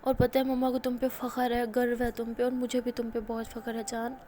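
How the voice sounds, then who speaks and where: A remorseful young woman apologizing in a hushed, quiet voice, pitched high but fairly flat, as a woman reads her part. She begs softly and keeps her tone low in volume. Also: fairly quick, slight background noise, close to an everyday voice.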